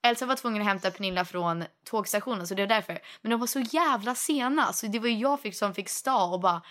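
A young woman chatting casually as a podcast co-host, telling a story in an animated way and mixing in English phrases. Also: mid-range voice. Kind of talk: casual chat.

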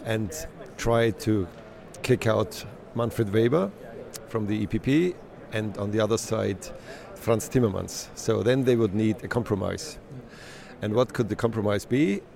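Low gravelly male journalist. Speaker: foreign journalist. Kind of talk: interview answers.

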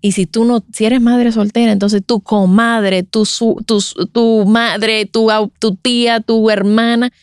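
A woman in her forties telling a personal story in a conversational interview, animated and acting out the voices of others. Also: on the high side, a little slow, hardly any pauses, clear, resonant tone, no echo, studio quality. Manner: animated, acts out quoted voices. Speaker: guest speaker on breastfeeding.

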